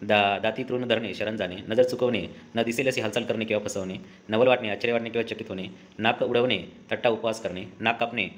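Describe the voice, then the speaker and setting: A man teaching a language lesson, reading a list of idioms and their meanings briskly, with short "uh" fillers. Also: on the low side, steady tone.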